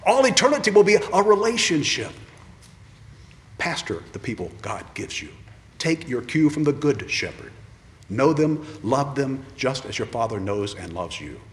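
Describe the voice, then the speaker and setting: His mid-range voice has a sing-song lilt at a normal pace as he delivers an earnest ordination sermon, repeating refrains and acting out the voices he quotes. The large church gives the recording a long reverb.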